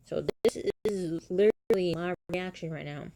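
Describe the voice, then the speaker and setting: Lady streamer rambling about her phone game, kinda low voice, gets all worked up and shocked. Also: normal speed, slight background noise. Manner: chatty and animated, exclaims in surprise. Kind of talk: casual game commentary.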